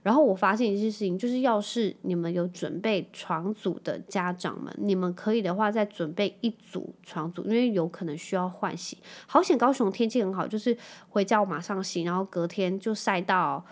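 Woman, Taiwanese Mandarin accent, 30s, chatty podcast host, quick delivery, mid pitch. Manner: chatty, drops English words into speech. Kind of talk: casual storytelling chat.

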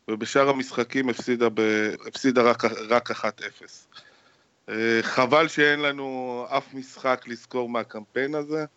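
A man on a podcast argues his point with emphasis, often repeating words to drive it home. His pitch is ordinary and the recording is dry and slightly dull. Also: a bit bright, clear, resonant tone, no room sound. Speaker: podcast co-host. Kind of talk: casual sports chat. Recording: dull lo-fi sound.

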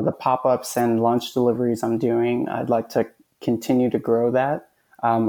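A man who runs food pop-ups, answering interview questions hesitantly with many "um" and "uh" pauses. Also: medium pitch, mellow.

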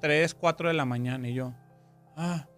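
Mexican male co-host, high-pitched, animated storyteller, light music under him. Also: normal speed. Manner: animated, quotes himself in lively asides. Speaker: show co-host. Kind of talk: casual storytelling chat.

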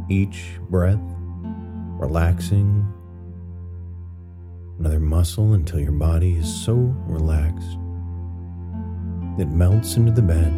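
A man narrating a guided relaxation in a slow, soothing sleep-story manner. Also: low voice. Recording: loud new-age guitar music bed. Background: new-age guitar music.

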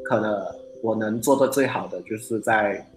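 A man with a Malaysian Mandarin accent, a graphic designer guest on a podcast, talking in a soft-spoken, hesitant way with many fillers. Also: fairly low pitch, moderate pace. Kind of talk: casual podcast interview. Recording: roomy echo with background music.

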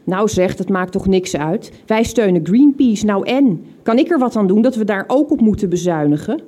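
A woman reads aloud from the diary she kept as a teen, her soft, mellow voice sitting in the mid range and sounding expressive. She reads unhurriedly and reflectively, letting out little amused laughs at her younger self's words.

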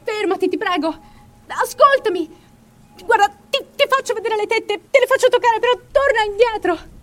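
A frantic teenage girl calls out in a piercing, very high voice, pleading and desperate, as a woman narrator puts her on. The cries are loud and strained, the sound of someone close to tears in a spoken horror tale. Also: normal speed. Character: panicked teenage girl begging a boy.

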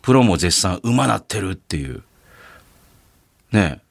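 A man co-hosting a radio talk show, telling stories in a lively way with many fillers. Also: sits low, unhurried, creaky. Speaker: radio co-host, announcer.

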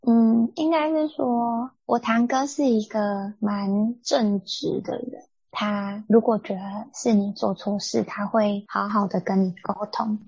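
A young woman co-hosting a podcast, telling a family story in an animated, indignant way. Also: medium pitch, unhurried, vocal fry, hardly any pauses, slightly rough, no room sound. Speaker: podcast co-host. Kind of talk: casual storytelling chat. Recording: dull lo-fi dry sound.

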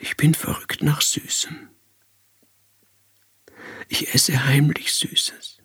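A timid, ashamed young woman, voiced by a man, in a breathless whispered role-play. Her whisper is husky and climbs high. The sound is dry and close. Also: flat delivery, slow pace, bright, forceful tone, no echo, heavily acted. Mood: confessing.

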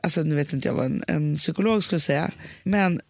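A woman's voice: low voice, no echo, studio quality. A mother in a casual conversation, reasoning things through aloud with lots of fillers and restarts. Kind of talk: casual chat.

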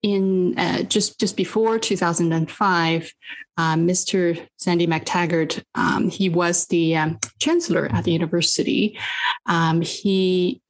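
A woman from China, a podcast guest answering interview questions in a measured way, pausing often to find her words. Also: fairly low pitch, steady tone. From Beijing, China.

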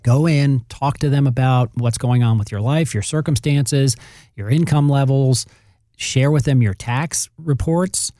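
A male financial advisor on a radio show gives conversational advice, addressing the listener directly and stressing his points. He has a warm mid-range voice, captured at studio quality with no room sound.

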